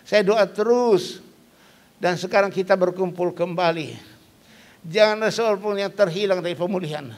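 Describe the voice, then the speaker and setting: An older man delivers a sermon in a noticeably high voice. He preaches emphatically, repeating his key phrases and posing questions to the congregation before answering them himself. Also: normal speed. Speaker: pastor.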